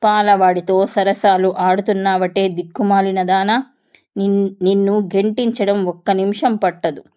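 A harsh, domineering old mother-in-law who lashes out in sharp scolding tones, as a woman reading the story puts her on. She sounds cold and proud in this storybook reading. Her voice sits at an ordinary middle pitch. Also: level tone, unhurried, smooth, highs cut off, lightly acted.

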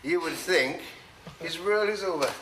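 A man's voice: a little high, measured pace. A man chatting casually in an upbeat, coaxing, informal way. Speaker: engineer. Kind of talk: casual chat. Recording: clear background noise on location.

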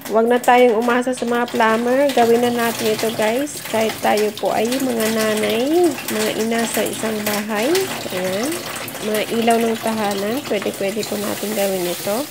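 A woman's voice: fairly high pitch, fairly even intonation, moderate pace, noisy background. A middle-aged woman vlogging a home sink repair, talking casually and encouragingly to her viewers while she works. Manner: chatty, encouraging, addresses viewers as guys. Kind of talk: casual how-to vlog. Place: under a kitchen sink at home.

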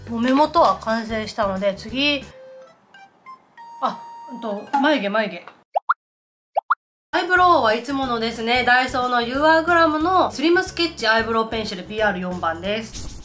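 A woman's voice: a little high, lively intonation, moderate pace, long pauses, fairly bright tone. A woman in her thirties with a Nagoya accent, chatting casually to viewers while doing her makeup, with a self-deprecating, talkative manner. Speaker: beauty vlogger. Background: faint background music.

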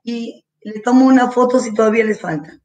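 A woman teacher giving slow, careful, repeated instructions to parents while straining her throat. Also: fairly high pitch, dark tone, distant mic, highs cut off. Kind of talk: online class instructions to parents. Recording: voice from away from the mic.

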